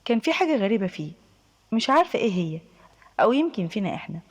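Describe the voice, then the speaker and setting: A woman's voice: medium pitch, big pitch swings, rapid-fire, slightly rough. A young woman with an Egyptian accent telling a first-person story in a confiding, emphatic way.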